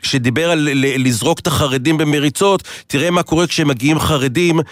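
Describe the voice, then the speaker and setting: A man's voice: on the high side, no echo, studio quality. A man co-hosting a radio show, arguing back in an indignant, sarcastic way. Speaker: radio co-host. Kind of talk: heated on-air political debate.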